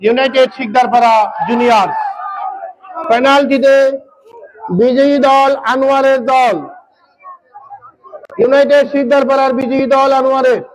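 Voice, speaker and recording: A man calls a local football shootout in a very high-pitched voice. His tone stays on a narrow, insistent level as he announces players, repeats names and excitedly shouts the shots. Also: normal speed, long pauses, a little hiss or hum. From Bangladesh. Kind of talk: live football penalty shootout commentary. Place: outdoor local football ground.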